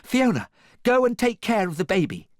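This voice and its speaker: Storybook gingerbread man: tiny, piping, cheeky and brave, pitched far up. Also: huge pitch swings, moderate pace, no echo, clean studio sound. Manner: squeaky, piping.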